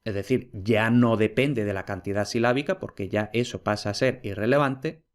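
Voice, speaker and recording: A man giving a recorded lecture over slides, clear and patient, slowing down to spell out example words. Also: lowish voice. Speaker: Latin philology lecturer.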